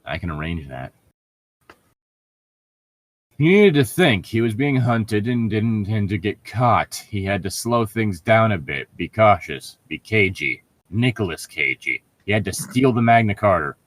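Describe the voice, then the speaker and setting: A man with a fairly low, very animated voice reads fan fiction at a measured pace, with no echo in the recording. As co-host he keeps cutting into the story with irreverent, sarcastic jabs and swearing.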